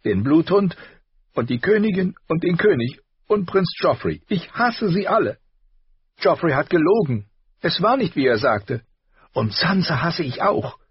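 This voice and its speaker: A man voicing a stubborn, tearful young girl in an audiobook, speaking in a high, strained, husky voice with rushed outbursts. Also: no room sound, dull audio. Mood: angry. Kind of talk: audiobook character voice.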